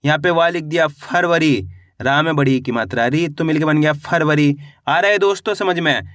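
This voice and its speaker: Man, high voice, dry close sound, repetitive teacher, asks and answers himself. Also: moderate pace, a bit bright, no room sound. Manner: repetitive call-and-response, asks and answers own questions. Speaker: Hindi teacher. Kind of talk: patient spelling lesson.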